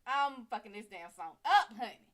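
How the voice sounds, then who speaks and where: A woman hosting a live stream, telling a story in casual, animated, profane talk and calling listeners honey and baby. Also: on the high side, moderate pace. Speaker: psychic reader and live show host.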